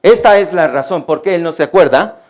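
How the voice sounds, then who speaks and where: A man preaching a sermon to children, asking them questions and answering them himself, and dropping low and quiet on the key answers. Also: lively intonation, brisk.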